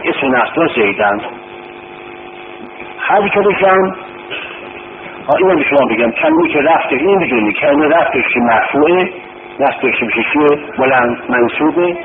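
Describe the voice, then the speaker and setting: A man tutoring Arabic grammar informally, patiently repeating terms and quizzing his student. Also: mid-range voice. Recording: tinny phone-like recording with background noise.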